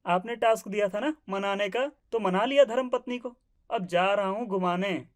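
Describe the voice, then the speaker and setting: A woman's voice: medium pitch, moderate pace, lightly acted. A woman voicing a shy young husband who grumbles and tries to placate his wife. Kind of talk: family drama acting.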